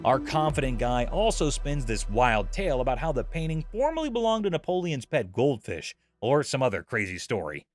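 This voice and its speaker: Lively male recap narrator, jokey. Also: medium pitch, fairly quick, few pauses, dry recording, soft background music. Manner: playful, exaggerated storytelling with jokey comparisons. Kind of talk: scripted comedic recap narration.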